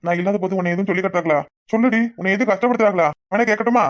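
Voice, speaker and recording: A coaxing young village husband, played by a voice actor in a cartoon, with a Kanyakumari Tamil accent. He talks very fast in a middle pitch, pleading and sweet-talking. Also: lightly acted.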